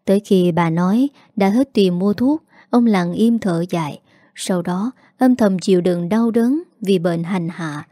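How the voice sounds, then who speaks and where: A woman narrating a family drama story in a steady scripted storytelling manner. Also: medium pitch, measured pace, dry recording, studio quality.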